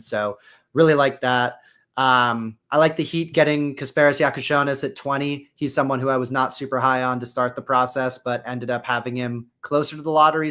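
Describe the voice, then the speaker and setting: A man's voice: medium pitch, a bit bright. A man co-hosting a livestreamed podcast, giving rambling, opinionated draft analysis with lots of fillers, with traffic noise around him. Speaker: podcast co-host. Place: outdoors in city traffic.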